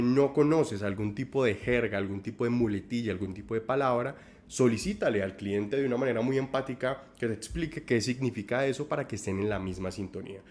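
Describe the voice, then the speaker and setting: A man's voice: mid-range voice, darkish tone. A man giving a corporate training talk, speaking directly to listeners with advice and correcting himself now and then. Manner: many self-corrections and repeated words.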